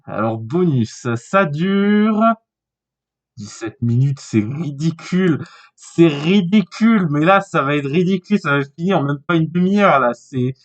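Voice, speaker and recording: A tired man reading a fan novel aloud, stopping often for rambling, filler-heavy asides. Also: medium pitch. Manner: rambling, many fillers and restarts. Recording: dull lo-fi mic.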